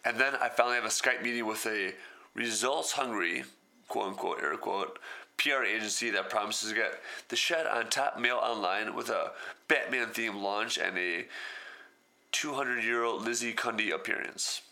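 A man's voice: on the low side, moderate pace, bright, forceful tone. A man reading a story aloud and breaking off for wry, sarcastic comments.

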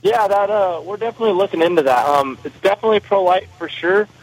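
A man's voice: sits high, fast talker. A racing driver, a man, giving a matter-of-fact phone-in interview, his voice heard over a phone line. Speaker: off-road racer calling in as guest.

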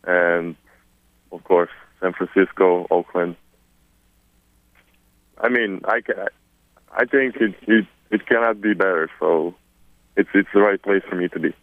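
A newly drafted Serbian basketball player in his twenties answers questions at a press conference held over the phone. His low voice comes through a tinny phone line with no room sound, and his English is halting, with many repeated words.

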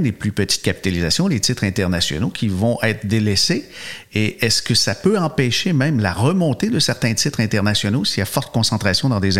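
A man interviewing in a conversational style, putting long, measured questions and rephrasing them. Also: fairly low pitch, fairly bright tone.

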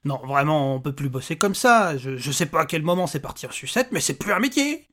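A man's voice: a little high, very animated, brisk, a bit bright. Man voicing a grumbling tiny bearded imp. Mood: exasperated. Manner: irritable, sarcastic, ranting. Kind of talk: audiobook character voice.

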